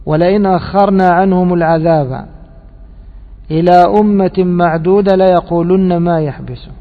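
A man teaching a classroom lesson on grammar and scripture, quizzing his listeners with prompting questions and slowly drawing out key words. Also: sits high, steady tone. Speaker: teacher of Quranic exegesis and grammar. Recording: tinny phone-like audio with long hall reverb.

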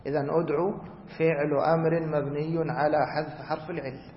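A man teaching a grammar lesson who asks the class questions, answers them himself, and repeats key rules slowly. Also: a little high, little pitch movement, slight background noise. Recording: echoey hall, dull lo-fi sound.

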